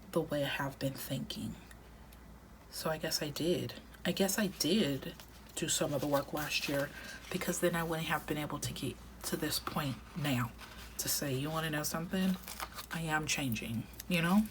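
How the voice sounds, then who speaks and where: A planner vlogger in her thirties chats casually during a plan-with-me session, reflective and talkative, often slipping into soft half-whispers. Her low voice turns a little raspy after a long day of recording, and the background is noisy.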